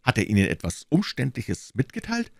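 Casting: a man doing a brash young swordsman, loud and quick to exclaim, lively and close-miked. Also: medium pitch, vocal fry, dry recording, pitched above the performer's own voice, heavily acted. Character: bold, quick-tempered young male swordsman. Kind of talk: audiobook reading.

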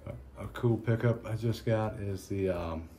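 A man with a Southern accent, hosting a casual unboxing chat in an unhurried, halting way with many ums and restarts. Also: on the low side, mellow, slight background noise. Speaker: cigar channel host.

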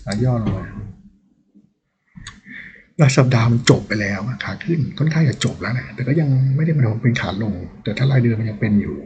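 A man's voice: mid-range voice, darkish tone, lo-fi sound, slight background noise. A man hosting a stock trading channel, talking casually and rambling as he thinks aloud over charts.

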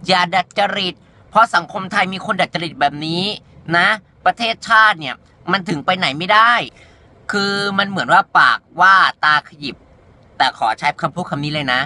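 A man's voice: high voice, bright, forceful tone. A young man talking straight to the camera, answering online comments in a sassy, campy and blunt way. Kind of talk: candid monologue to camera.

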